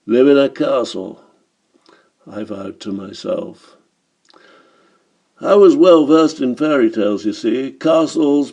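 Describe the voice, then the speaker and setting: A man's voice: medium pitch, mellow. A man voicing a boastful, sly middle-aged German swindler in an audiobook story, talking with a chuckle.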